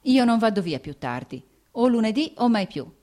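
A woman's voice: a little high, sing-song, normal speed, mellow, voice pushed up. A woman reading the lines of a proud, jealous young noblewoman, impassioned and accusing. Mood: stubborn.

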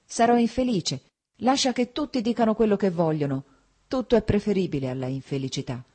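A woman's voice: mid-range voice, lively intonation, a little fast, mellow, husky, voice pushed up. A woman reading the lines of an anguished young man in a story, pleading and desperate.

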